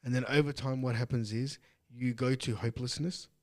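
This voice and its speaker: A man co-hosting a podcast, speaking earnestly and reflectively in casual chat, slowing down to stress his points. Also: medium pitch, steady tone. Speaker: podcast co-host.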